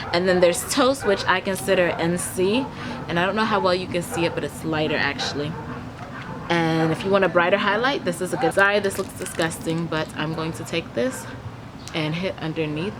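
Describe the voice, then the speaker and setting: A young woman chatting casually to camera, explaining a tutorial step by step as she works. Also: lowish voice. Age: young adult. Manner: chatty, explains step by step while applying makeup. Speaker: beauty vlogger giving a makeup tutorial. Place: backyard outdoors, leafy garden. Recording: noisy outdoor ambience, traffic hum. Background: outdoor ambient noise.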